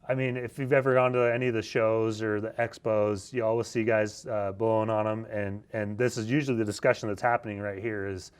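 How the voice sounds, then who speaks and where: A man's voice: lowish voice, smooth. A man interviewing a guest casually, agreeable and informal, with enthusiastic wording as he guides the conversation.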